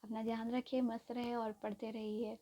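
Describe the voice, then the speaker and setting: A woman's voice: on the high side, little pitch movement, normal speed, dark tone. Chatty woman teacher, narrow lilt. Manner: casual, encouraging, repeats "theek hai" often. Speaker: NEET chemistry teacher. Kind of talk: study-plan explainer in Hinglish.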